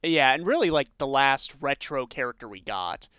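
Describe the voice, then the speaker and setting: A man hosting a podcast, chatting in a relaxed way about video game characters with lots of ums and likes. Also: mid-range voice, moderate pace, clear, resonant tone, dry recording, studio quality. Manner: relaxed, many fillers like um and like. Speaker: podcast host.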